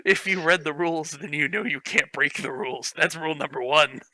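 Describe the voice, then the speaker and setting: A host with a bright, somewhat high voice reads fan fiction aloud at a brisk clip, giving its stiff prose a mock-dramatic treatment. He breaks into laughter and adds commentary for comedic effect, in a dry recording.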